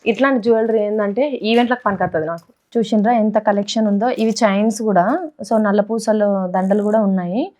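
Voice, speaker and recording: A woman's voice: medium pitch, a little fast, a little mellow. A young woman with a Telangana Telugu accent, chatting playfully in a casual vlog and mixing in English words. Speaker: vlogger. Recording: dull lo-fi sound.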